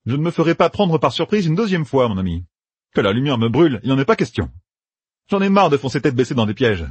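Brash young schemer, voiced by a man: high, loud, bossy, rattling off orders. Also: sing-song, husky, no echo. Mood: emphatic. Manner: bossy, emphatic, rapid-fire planning.

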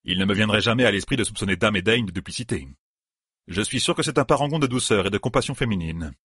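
A man voicing a handsome young swordsman who talks in a smooth, ironic way. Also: lowish voice, animated, fast talker, a bit bright, dry recording, studio quality. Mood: wry.

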